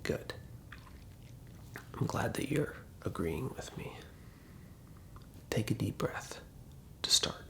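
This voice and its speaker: Slow, gravelly man in a hushed ASMR whisper. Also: fairly low pitch, lively intonation. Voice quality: hushed, breathy. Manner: slow, gentle instructions with many pauses. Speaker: ASMR host. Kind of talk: ASMR whisper, guided relaxation.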